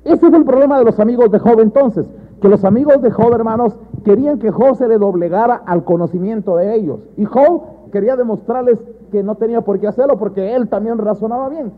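Male preacher, high husky voice, sermon with surges of volume, tinny lo-fi sound. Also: brisk. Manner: swings from loud emphatic bursts to low quiet asides; keeps addressing the church as brothers. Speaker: pastor. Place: church. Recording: thin phone-like sound.

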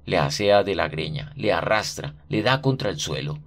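A man narrating a short story for radio in a dramatic, expressive reading. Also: deep voice, normal speed, gravelly.

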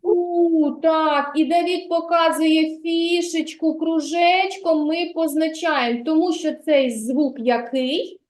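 A woman's voice: very high voice, steady tone, slow, hardly any pauses, darkish tone, roomy sound. A woman teaching a literacy lesson to preschoolers in a kindergarten classroom, patient and encouraging, praising the children often.

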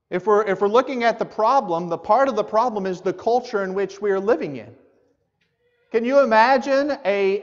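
High-voiced preacher in a reverberant hall. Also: male voice. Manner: conversational, asks the congregation direct questions. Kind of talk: sermon. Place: church sanctuary. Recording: muffled church hall with long reverb.

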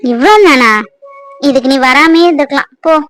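A young woman voicing a playful, lovesick village girl in a cartoon, teasing and coaxing, quick to sulk. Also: high voice, expressive, a bit bright, faint music behind. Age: young adult. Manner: teasing, coaxing, sulks easily.

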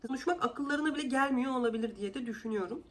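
A woman vlogger giving casual commentary in an indignant, exasperated, sarcastic manner, with sudden jumps in pitch. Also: racing.

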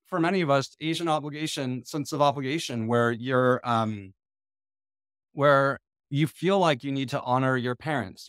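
In a small indoor room, a middle-aged US man gives a conference lecture online, steering a discussion as his video call webcam records him. The audio is dry and close-up, with no room echo. His clean, mid-range voice moves at a measured, thoughtful pace, broken by ums and restarted sentences.

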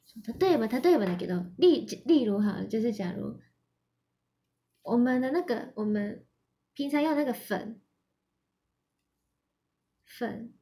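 A young Japanese idol from Yamanashi hosts a livestream, chatting casually in Mandarin, her second language, while slipping into Japanese, giggling, and reading viewer comments aloud. Her fairly high, mellow voice is expressive and slow, with long pauses.

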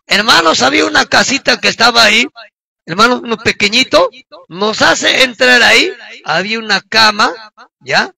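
A middle-aged man from Peru gives a fervent sermon testimony and often breaks into shouts. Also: very high-pitched, lively intonation, normal speed, creaky. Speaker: preacher giving testimony.

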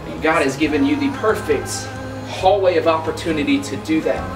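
A man's voice: a little high, fairly quick. Earnest young man preaching in a roomy hallway. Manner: earnest, building to excited emphasis, gesturing with his hands. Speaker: youth pastor. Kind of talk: short motivational youth sermon to camera. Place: school locker room and long hallway, indoors. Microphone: camera a few steps away, no mic seen. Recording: roomy, distant sound with music underneath.

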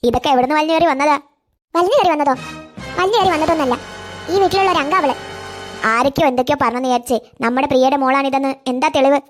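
A woman's voice: high voice, racing, long pauses, faint music behind, natural voice. Woman doing a scornful cartoon aunt. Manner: scornful, accusing. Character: sharp-tongued suspicious middle-aged aunt.

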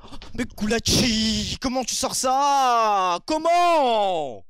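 Young French gamer, high lively voice, shouty and sulky by turns, faint music under it. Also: male voice, very slow, clean tone, dry recording. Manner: swings between shouting outbursts and muttered grumbling, with sing-song taunts. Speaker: gaming streamer. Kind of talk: raging gameplay commentary.

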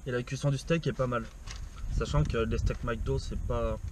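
A man reviewing fast food in a casual vlog, talking with his mouth full of burger and chewing between words. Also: mid-range voice, steady tone, background noise. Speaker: food vlogger. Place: parked car.

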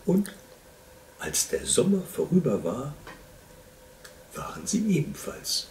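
A man reading a children's story aloud in an expressive, unhurried storytelling voice. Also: fairly high pitch, distant mic, a little hiss or hum.

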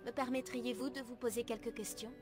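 Lady voicing a gentle young elf apprentice for a game, kinda high voice, grave n formal, bit of music behind. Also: fairly even intonation, lightly acted. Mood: courteous. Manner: formal, measured, literary diction. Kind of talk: video game dialogue acting.

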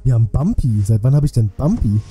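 Game music plays faintly behind a streamer in his indoor setup as he commentates a game live, tossing off chatty asides and thinking aloud for his viewers. His mid-range voice is animated, and he talks fast.

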